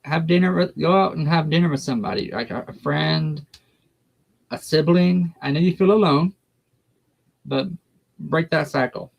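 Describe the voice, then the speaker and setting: A man's voice: a little high, normal speed, creaky, pauses often, highs cut off. A man giving a casual tarot reading, blunt, folksy and unfiltered. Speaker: tarot reader.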